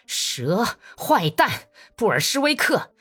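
A woman reading an audiobook voices a quarrelsome middle-aged Cossack man who shouts in a shrill, snarling voice. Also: very animated, measured pace, husky, exaggerated voice.

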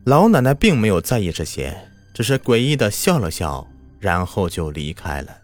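A man's voice: on the low side, very animated, moderate pace. A man telling a scripted horror story in a dramatic style that builds tension, over background music.

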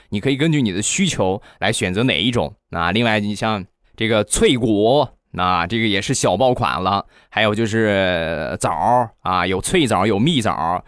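A man's voice: fairly low pitch, no room sound, clean studio sound. A young man hosting a comedy program, telling funny anecdotes and acting out the voices of the people in them. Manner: lively, acts out quoted voices. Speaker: comedy podcast host. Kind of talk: storytelling jokes.

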